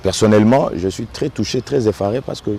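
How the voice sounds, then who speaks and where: A local notable from the Democratic Republic of the Congo speaks earnestly in an on-site interview on politics, his Congolese French accent carried by a lowish, warm, slightly breathy voice at a fairly quick pace. He often repeats small words while searching for the next one.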